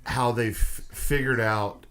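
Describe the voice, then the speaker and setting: A man's voice: mid-range voice, steady tone, slow, a bit bright, low-quality recording. A tired man chatting casually over a movie as co-host, rambling with lots of restarts. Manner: rambling, many restarts and "like" fillers. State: tired, yawning. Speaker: co-host of a movie watch party. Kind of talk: casual commentary over a film.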